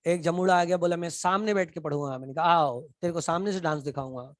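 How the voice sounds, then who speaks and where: A man teaching a live class, shouting and teasing as he quizzes his students in a colloquial way. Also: a little high, fast, no echo, clean studio sound.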